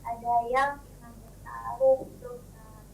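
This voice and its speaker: A woman's voice: a little high, level tone, normal speed, vocal fry. A young woman calling in with a question, hesitant and full of fillers, her voice choppy, breaking up and sounding far from the mic. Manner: hesitant, with many fillers and restarts. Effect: choppy, breaking-up call audio; distant, off-mic sound. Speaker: caller asking a question. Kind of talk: casual call-in question.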